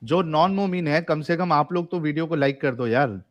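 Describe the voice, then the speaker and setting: A man's voice: on the high side, normal speed, dry recording. Man, livestream host, casual joking chat, reads out comments, dry close sound. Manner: jokey, laughs often while reading comments. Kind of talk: casual livestream chat, reading viewer messages.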